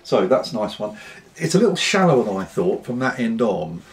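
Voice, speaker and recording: Unhurried British man chatting casually. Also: on the low side, very animated. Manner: unhurried, rambling, with pauses. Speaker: pipe-smoking vlogger. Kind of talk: casual unscripted chat to camera.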